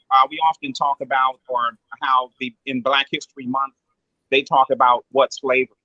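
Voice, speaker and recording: A man's voice: mid-range voice, sharp tone, no room sound. A man giving a teaching talk over a weak online call, his voice breaking up and cutting in and out, preachy, putting rhetorical questions to his listeners. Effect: voice cutting in and out over a weak online connection. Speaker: guest speaker explaining finance. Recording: dull lo-fi call audio that keeps breaking up.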